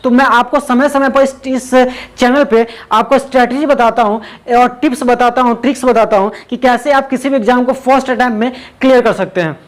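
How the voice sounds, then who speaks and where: A man's voice: extremely high pitch, fairly even intonation, brisk, few pauses. A young man from Bihar explaining a physics lesson as a teacher, asking himself rhetorical questions as he goes. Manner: repetitive rhetorical questions, sings song snippets.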